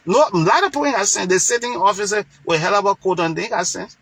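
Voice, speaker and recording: Speaking quickly in a high-pitched, fairly bright, slightly rough voice, a man from Liberia delivers an emphatic political monologue like a preacher, with a Liberian accent and repeated phrases for stress. He is a political commentator, recorded with no echo.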